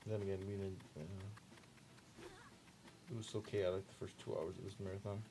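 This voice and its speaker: Gravelly-voiced young man chatting while gaming. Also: sits low, flat delivery, a little fast, background noise. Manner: chatty, playful, talks to the game characters. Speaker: streamer playing the game. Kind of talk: casual gaming chat during a marathon stream.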